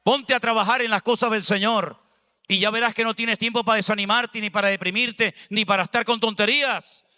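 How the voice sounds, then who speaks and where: Male pastor, high bright voice, animated sermon, long hall echo. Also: fairly quick. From Spain. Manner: animated, preaching with conversational asides and acted dialogue.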